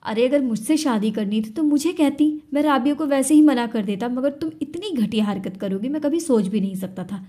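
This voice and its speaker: A woman's voice: high voice, a little fast, hardly any pauses, voice pushed up. A woman voicing a furious young man who hurls bitter accusations in an Urdu audio story. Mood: angry. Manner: shouting, bitter reproach.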